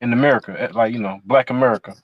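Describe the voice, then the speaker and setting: Racing along at a medium pitch, a podcast host in his forties rambles through questions in a casual chat, full of fillers and restarts. The recording is lo-fi and has no room sound.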